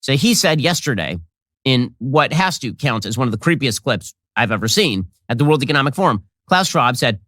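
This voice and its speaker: A man as a political commentator delivering a quick, sarcastic monologue into a close mic. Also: mid-range voice, fairly bright tone, dry recording.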